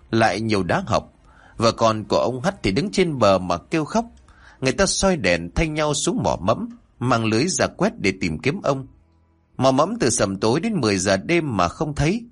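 A man narrating a ghost story in an expressive, dramatic storytelling manner. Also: mid-range voice. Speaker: horror storyteller.

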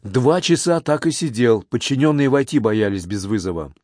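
A man's voice: mid-range voice, very animated, normal speed, darkish tone, no room sound. A chatty young office woman gossips in a confiding voice, as a male narrator puts her on. It is an audiobook reading, recorded dry and close. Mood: gossiping.

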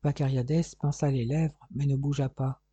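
A man reading an audiobook in a measured, steady way, with scripted narration, on a dull, lo-fi, dry recording. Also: medium pitch, slightly rough, dry recording. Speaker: audiobook reader. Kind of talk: scripted narration of a crime novel.

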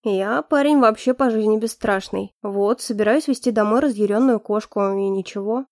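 A woman voicing a calm, firm young man who speaks in clipped, dryly ironic lines. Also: normal speed, no room sound, clean studio sound. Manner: clipped, firm, low-key.

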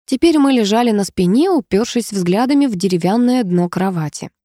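A woman reading a story aloud in a lively, expressive manner. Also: medium pitch, brisk, dry recording, clean studio sound. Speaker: audiobook narrator. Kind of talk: scripted narration.

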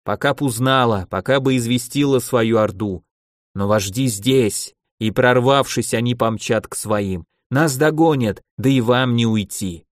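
A man's voice: medium pitch, a little slow, dry recording, clean studio sound, close to an everyday voice. A man voicing a blunt, hot-tempered female warrior captain who speaks curtly. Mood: worried. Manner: gruff, curt speech.

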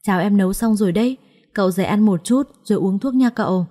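A woman voicing an anxious, devoted young wife in a storybook reading, speaking softly and politely. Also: medium pitch, fast talker, lightly acted. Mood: worried, caring. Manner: soft, pleading, polite.

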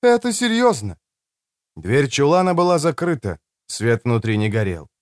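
Man with a lively, dramatic narration. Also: mid-range voice, normal speed, no echo, clean studio sound. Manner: dramatic, tense storytelling. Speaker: audiobook narrator. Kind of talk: first-person audiobook narration.

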